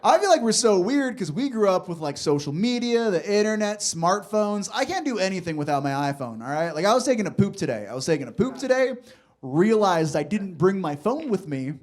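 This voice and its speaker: A stand-up comedian in his thirties, a man with a noticeably high voice. He delivers deadpan punchlines and talks casually with the crowd between bits. He is from Los Angeles and is performing on a comedy club stage. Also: fairly quick. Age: 30s.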